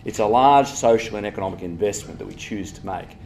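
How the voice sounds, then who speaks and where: Australian male conference speaker, rapid and emphatic, lower-pitched voice, faint room noise behind him. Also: vocal fry, mellow. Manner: brisk, digressive, emphatic with asides. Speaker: conference speaker on health policy. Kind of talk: live conference talk.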